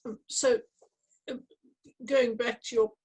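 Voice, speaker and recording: A woman chairing a virtual panel discussion, asking measured questions with some hesitant restarts. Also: on the high side, steady tone, darkish tone, breathy edge, poor audio.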